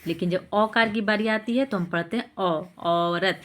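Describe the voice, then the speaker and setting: A woman's voice: medium pitch, normal speed. A woman teaching parents how to explain vowel signs, speaking patiently, repeating examples and checking in with rhetorical questions. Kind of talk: explanatory lesson.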